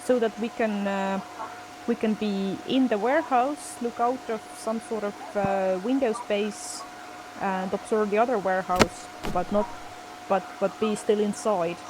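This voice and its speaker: A woman's voice: mid-range voice, fairly even intonation, measured pace. A woman playing a tabletop game, laying out her team's plan with a lot of hesitant fillers. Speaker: player. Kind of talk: planning a tabletop game move. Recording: noisy home mic.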